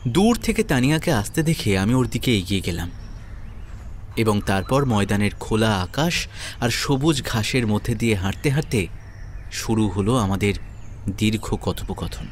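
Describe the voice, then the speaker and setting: A man with a Kolkata Bengali accent narrates and plays the lead in a dramatic first-person audio story, acting an earnest, lovelorn, self-sacrificing young man devoted to his friend. His delivery is wistful and earnest with dramatic pauses. The natural, mid-range voice carries a little hiss or hum over background music.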